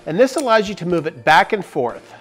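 Speaking fairly quickly in a high-pitched voice, the man in his forties who runs a woodworking channel gives a casual tool review in his barn workshop. His delivery swings with energy, staying jokey and explanatory, while faint music sits under the lapel-mic audio.

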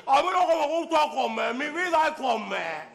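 A man's voice: very high-pitched, lively intonation, normal speed, gravelly, fairly bright tone. A man doing a boisterous stand-up comedy monologue, full of exaggeration and punchy repeated lines. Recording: live show with audience laughter.

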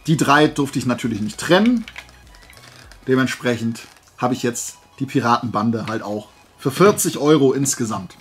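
Hosting a flea market haul video, a man chats anecdotally in a casual, colloquial way and acts out pieces of dialogue. His mid-range voice is husky, worn and dry-throated after days of talking.

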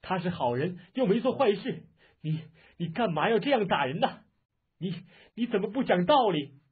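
A man's voice: big pitch swings, normal speed, breathy edge, heavily acted. A man voicing a young wife pleading through tears in a storybook reading. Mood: tearful pleading. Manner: high, tearful pleading. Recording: muffled, phone-like lo-fi audio.

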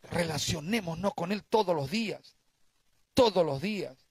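High-voiced pastor preaching a sermon. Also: male voice, expressive, unhurried, a little mellow, husky, no room sound. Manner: preaching with rhetorical questions to the congregation.

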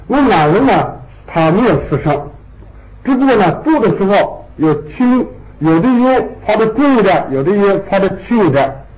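Guy lecturing a language class, kinda high voice that bounces around, says stuff twice so it sticks. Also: sing-song, a little mellow, dull audio. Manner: patient, repeats key points with drawn-out particles. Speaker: language teacher.

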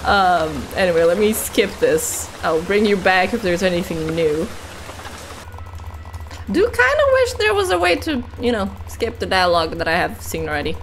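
A woman's voice: lowish voice, big pitch swings, normal speed, slight background noise. A tired, yawning woman giving casual, rambling commentary while she plays a game, swearing casually and laughing often. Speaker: let's play gamer.

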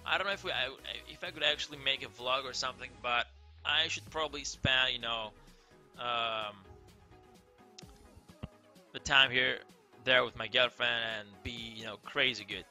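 This young Greek streamer, speaking with a Greek accent, reads viewer comments and chats casually during a game stream, visible on webcam in an indoor room. He talks at normal speed with a mid-range, sharp voice and pauses often, loose and rambling with many fillers and constant "crazy." Soft music runs in the background.

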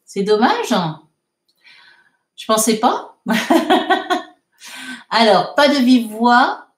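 Slow-talking woman teacher in an echoey room. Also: a little high, big pitch swings. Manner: switches between French and slow English, frequent hesitations. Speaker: English teacher. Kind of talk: live online English lesson.

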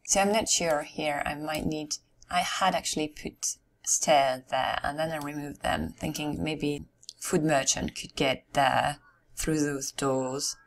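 A woman giving casual game commentary, musing aloud to herself in a somewhat hoarse voice, as if losing it. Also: low voice, steady tone, slow pace. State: losing her voice. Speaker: gamer narrating her game. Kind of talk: casual let's-play commentary.

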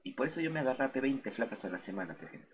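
A man's voice: medium pitch, very animated, racing, slight background noise. A young man telling stories to his chat on a late-night game stream, rambling, slangy and profane, calling his viewers "gente" over and over.

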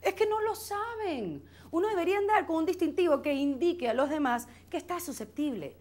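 A woman with a Venezuelan accent performing a lively comic monologue on stage, exclaiming as she goes. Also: very high voice, a little fast. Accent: Venezuelan Spanish. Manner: animated, exclaiming, slips into acted quotes. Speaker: stand-up comedian.

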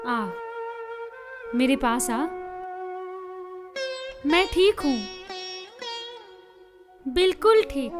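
An actress playing a middle-aged mother who has lost a leg, tender with her children and fierce with thugs, in dubbed film dialogue. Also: high voice. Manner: tearful pleading then fierce defiance. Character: injured widowed mother, defiant and proud. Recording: film soundtrack with loud music.

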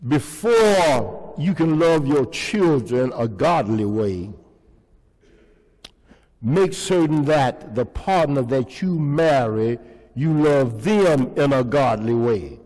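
The sermon comes from an older male pastor whose medium-pitched, expressive voice has a darkish tone. He preaches slowly, asking the congregation call-and-response questions, while his pulpit microphone picks up the long echo of the large church hall.

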